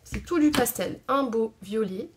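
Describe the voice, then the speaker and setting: A woman's voice: on the high side, lively intonation, unhurried, noisy background. Chatty woman thinking aloud. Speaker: craft video host. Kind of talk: casual tutorial chat. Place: home craft table indoors.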